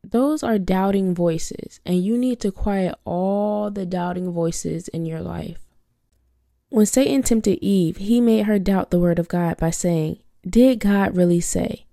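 Speaking slowly with some vocal fry, a young podcast host with a cold delivers earnest, preachy faith-based teaching and repeats her key phrases. Her voice is medium-pitched and dark, congested, and recorded at studio quality without echo.

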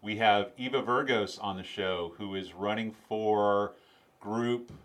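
A man's voice: lowish voice, fairly even intonation, unhurried, fairly bright tone. A man in his thirties hosting a podcast interview, chatty and rambling, often correcting himself. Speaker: podcast host. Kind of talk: casual interview chat.

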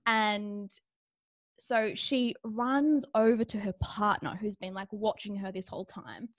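A young woman, co-hosting a podcast, telling a story in an animated way and laughing often. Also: mid-range voice, measured pace, no echo. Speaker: podcast co-host. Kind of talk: casual chat.

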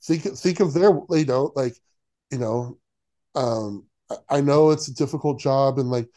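Dark-voiced sarcastic male podcaster. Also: mid-range voice, measured pace. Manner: sarcastic, opinionated, lots of fillers. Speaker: podcast co-host. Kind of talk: casual chat.

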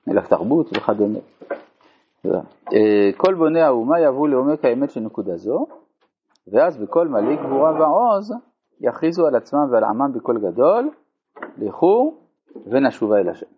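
A man's voice: medium pitch, very animated, slight background noise. A man teaching a Torah lesson to a live group, reading a passage aloud and explaining it phrase by phrase. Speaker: rabbi teaching a text. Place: community study hall. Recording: dull lo-fi recording.

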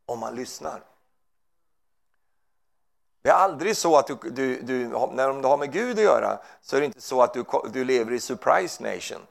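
A man's voice: mid-range voice, animated, vocal fry, long pauses. A man preaching informally, fervent and rambling, who peppers his talk with hallelujahs and amens. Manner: rambling, with frequent restarts and asides.

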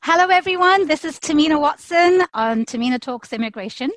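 A woman's voice: sits high, lively intonation, brisk, dry recording. A woman, an immigration attorney, hosting and interviewing on her podcast in an upbeat, welcoming way.

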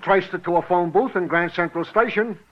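A man acting an eager, literal-minded American sergeant in vintage radio crime drama. His voice sits high for a man, and the old recording sounds dull. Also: fairly quick, lightly acted. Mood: curious, excited.

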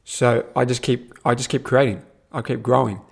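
A young man gives a casual motivational talk as a personal growth teacher, animated and repetitive, often saying "my friend". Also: medium pitch, moderate pace, gravelly, breathy edge. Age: young adult.

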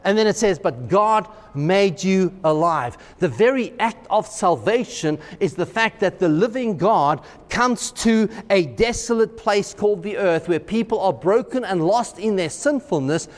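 A man preaching a sermon as pastor, emphatic and excitable, driving home repeated refrains. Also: high voice, unhurried, hardly any pauses. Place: church sanctuary. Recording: long hall reverb.

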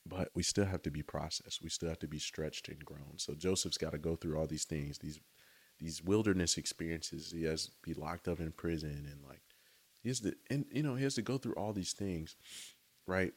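A man with a notably low, deep voice gives an eager, easygoing faith talk. He speaks outdoors in a chatty tone and keeps checking in with his listeners. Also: normal speed, husky. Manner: enthusiastic, conversational, often says "right?" and "y'all". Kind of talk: casual devotional talk.

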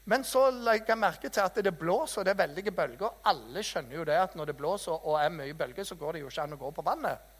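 A man preaching a sermon in a church hall, telling stories in a lively, self-mocking way. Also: a little high, slightly rough. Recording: reverberant hall.

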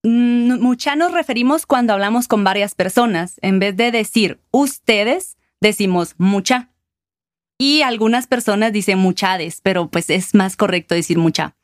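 A woman's voice: mid-range voice, unhurried, no echo, studio quality. A woman from Guatemala with a Guatemalan Spanish accent, a guest in a casual conversation who patiently explains local words with examples.

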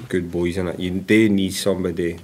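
A man's voice: deep voice, little pitch movement, a little fast, a little mellow. A man with a Scottish accent chatting casually in a group conversation. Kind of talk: casual chat.

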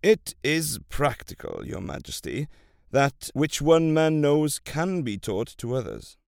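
A man voicing a humble, dignified wealthy old man of about seventy who answers calmly and plainly. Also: a little high, slow pace, creaky, clean tone, no room sound, studio quality, full character voice. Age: 70s.

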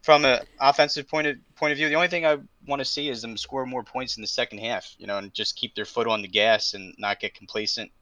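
A man's voice: medium pitch, quick pace, hardly any pauses, dry recording. A man co-hosting a sports podcast, casually giving his game prediction with many fillers. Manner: relaxed, hesitant with fillers.

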